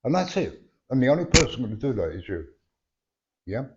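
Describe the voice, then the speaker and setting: A man's voice: mid-range voice, big pitch swings, fairly quick, vocal fry, heavy background noise. A man working as a medium, giving a chatty, blunt reading in conversation, his words slightly slurred from having no teeth. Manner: blunt, chatty, often checking with "yeah?". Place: live event before a sitter. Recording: dull, lo-fi live recording.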